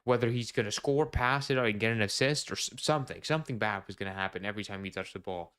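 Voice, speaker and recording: A man's voice: lowish voice, fast, fairly bright tone, clean tone. A young man hosting a casual soccer podcast, talking through a match like an enthusiastic fan, rambling with lots of fillers and restarts. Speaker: podcast host.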